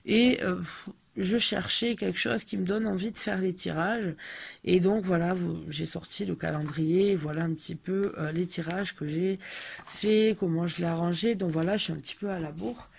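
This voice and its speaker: A woman's voice: lowish voice, steady tone, normal speed, creaky, darkish tone, slight background noise. A woman in her thirties chatting casually through a tarot deck review, hesitant and full of fillers.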